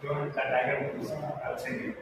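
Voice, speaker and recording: A man's voice: mid-range voice, flat delivery, brisk. A middle-aged man giving an informal, interactive lecture, conversational and often checking with his listeners. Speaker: guest lecturer from industry. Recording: echoey hall, distant mic, noisy background.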